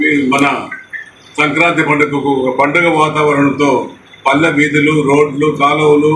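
At a party office opening, a speaker from a local Telugu party gives a formal political speech packed with honorifics and thanks. His voice is fairly high and sharp, picked up by a noisy, distant, echoey news mic.

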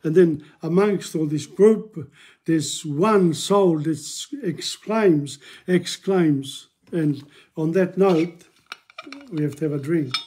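A man reading old Italian verse aloud and explaining it in English, pausing and restarting often as he teaches. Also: fairly high pitch, a little mellow, husky. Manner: halting, restarts, frequent "you know".

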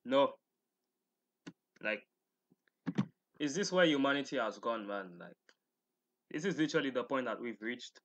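A man's voice: medium pitch, expressive, a little slow, long pauses, slight background noise. A young man with a mid-range voice talks as the host of a casual online video. He reads aloud and reacts with slangy, incredulous commentary. His delivery has a mocking edge.

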